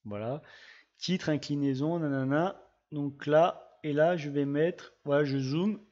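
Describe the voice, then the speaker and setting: A man talks through a software demo in a relaxed, chatty way, narrating every click as he goes. His voice sits a little high for a man. The recording is dull and lo-fi, from a desktop mic. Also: unhurried. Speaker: GIS tutorial presenter. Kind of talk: casual screen-recorded software tutorial.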